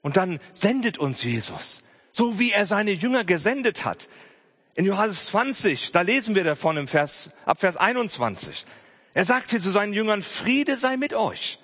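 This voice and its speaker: A man preaching a Pentecost sermon, emphatic and direct, often calling out "hey" and dropping into soft, low passages. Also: sing-song, moderate pace, slightly rough. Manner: frequent interjected "hey". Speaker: pastor. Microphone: streamed church service.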